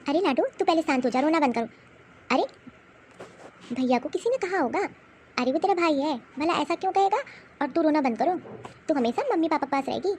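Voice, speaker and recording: A woman's voice: high voice, very animated, moderate pace, pauses often, noisy background. A woman voicing a young mother who comforts her daughter in a cartoon. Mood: soothing. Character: caring young mother, worried.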